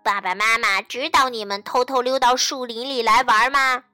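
A woman's voice: on the high side, very animated, unhurried, vocal fry, bright, forceful tone, no echo, faint music behind, heavily acted. A woman voicing a stern but kind male camp teacher in a children's story.

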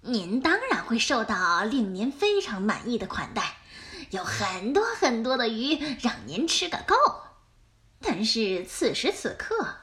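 Storybook fox, male, sly and scheming, flattering, sugary, high and lively, played by a woman reader. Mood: coaxing.

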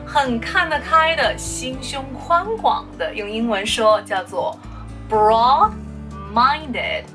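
A woman teaching spoken English, explaining words and repeating them slowly for practice. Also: a little high, recorded from a distance.

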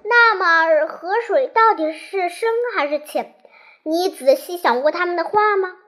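A patient mother horse speaks softly and coaxingly in a high, slow storybook voice, as a child narrator plays her. Each word is drawn out and gentle. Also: full character voice. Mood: questioning.

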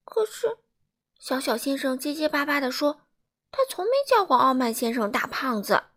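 A woman reading a children's picture book aloud in a lively, expressive, dramatic way. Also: high voice, normal speed. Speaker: storyteller for children.

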